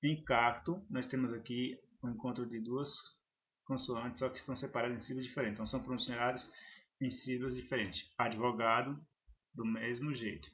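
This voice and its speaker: A man teaching a grammar lesson, halting and restarting phrases as he explains examples. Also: mid-range voice, little pitch movement, fairly bright tone. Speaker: Portuguese teacher.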